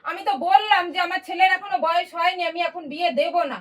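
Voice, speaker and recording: A protective mother, voiced by a woman, talks fast and high, coaxing and pleading. She sounds a little distant from the microphone. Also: fairly even intonation, a bit bright. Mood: defensive. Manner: soothing, pleading, defensive. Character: protective mother of grown son. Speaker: mother in family skit.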